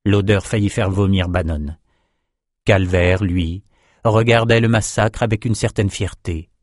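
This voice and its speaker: An audiobook narrator, a man with a low voice for his sex, reads scripted narration from a fantasy novel in a steady, measured manner. The recording is dry and close, with no room around it.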